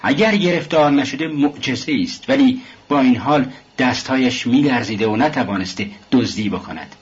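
Earnest, chatty police clerk, read by a man; husky voice, muffled audiobook sound. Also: medium pitch. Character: eager male police office clerk, talkative. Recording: dull lo-fi recording.

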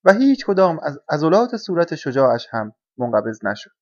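A man's voice: a little high, dry recording. Man reading a children's storybook. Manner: calm, measured narration. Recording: dull, dry lo-fi recording.

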